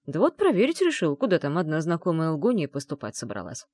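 A woman's voice: low-pitched, wildly swooping pitch, fast, darkish tone, no echo, studio quality, exaggerated voice. A woman voicing a cocky, teasing young male dragon in an audiobook, with a mocking, playful manner. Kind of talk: audiobook character voice.

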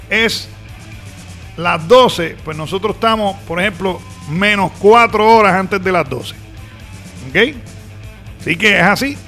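A man with a high-pitched voice and a Caribbean Spanish accent hosts a casual rock radio show. His tone is bright and forceful as he talks straight to listeners, explaining and announcing. Some music sits behind him. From Caribbean island. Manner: explanatory, conversational, addressing listeners directly.

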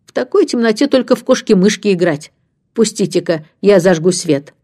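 A woman voicing a kindly, fussy old nanny in a storybook reading, speaking briskly and a little louder. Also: mid-range voice, expressive, lightly acted. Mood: fussing.

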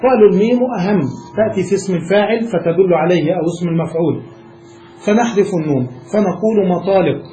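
A man's voice: sits high, fast, dark tone, slight background noise. A man teaching a grammar class, explaining step by step and putting questions to his students. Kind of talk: classroom lesson explaining a text. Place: room with students present. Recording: roomy echo.

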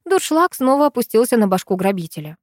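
A woman reads a first-person comic audiobook with a fairly high voice that swings lively up and down. The sound is dry and close, with no room in it. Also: fast talker, dry recording. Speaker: audiobook reader. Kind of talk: audiobook narration.

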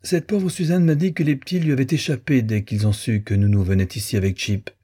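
A man's voice: mid-range voice, steady tone, fairly quick, dark tone, slightly rough, voice pushed up, natural voice. A man voicing a precocious girl who copies worldly adult manners with studied, affected intonations.

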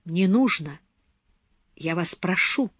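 A woman's voice: fairly low pitch, expressive, takes it slowly, slightly rough, dry recording, heavily acted. A woman reading an audiobook, voicing a proud young aristocratic woman who speaks with emotional indignation. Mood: pleading.

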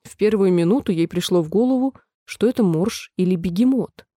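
A woman narrating a storybook in a measured, gentle reading voice. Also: medium pitch, dry recording, studio quality.

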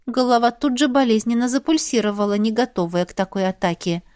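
A woman's voice: a little high, fairly quick, darkish tone, clear, resonant tone, no echo, clean studio sound. Woman reading a first-person audiobook. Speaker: audiobook reader.

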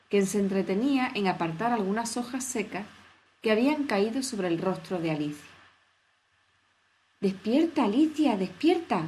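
A woman narrating a children's audio story in a lively, expressive storytelling manner. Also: mid-range voice, a little hiss or hum.

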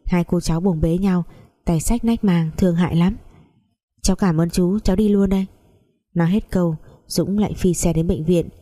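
Woman reading a family drama story, deep dark voice, keeps it pretty level. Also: moderate pace. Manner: reads all characters in a mostly even voice. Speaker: narrator. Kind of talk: storytelling audiobook narration.

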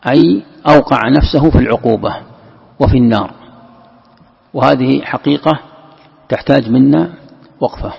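A man's voice: medium pitch, gravelly, husky. A man who is a religious scholar giving a lesson. He reads a passage aloud, then explains it patiently and often repeats words. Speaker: Islamic scholar teaching Quran commentary. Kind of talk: classroom lesson commentary. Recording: echoey hall, muffled lo-fi sound.

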